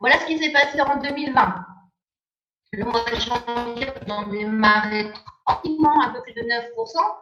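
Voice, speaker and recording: A woman with a fairly high voice gives an emphatic, persuasive online sales presentation. She is heard over a video call, with a roomy echo and a dull, muffled sound. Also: normal speed, bright, forceful tone, faint music behind.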